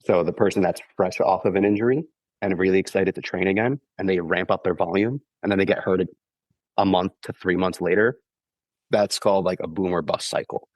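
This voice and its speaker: Recovering from the flu and audibly congested, a man patiently covers running injuries in casual podcast talk, checking in with "okay?" often. His voice sits low and steady at a fairly quick pace, on a dry recording with poor audio.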